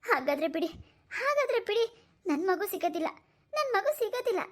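Cartoon role: very high, tearful young mom, pleading and sobbing, voiced by a woman. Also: normal speed, darkish tone. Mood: distraught. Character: young mother, grief-stricken over her missing baby. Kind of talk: cartoon voice acting.

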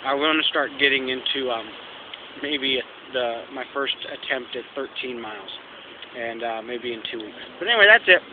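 A man's voice: mid-range voice, fairly even intonation, normal speed. A man of about forty chatting casually and unscripted to his own vlog camera. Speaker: running vlogger. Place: outdoors against a tree beside a road. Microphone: handheld camera at arm's length. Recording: tinny phone-like sound, noisy outdoor traffic.

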